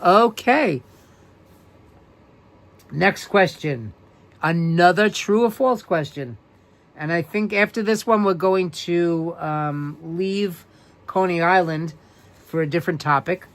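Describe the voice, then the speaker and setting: A man with a New York accent hosting a casual live-stream, reading trivia questions aloud and answering viewers by name in a chatty, relaxed way. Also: high-pitched, slow pace, long pauses. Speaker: livestream host.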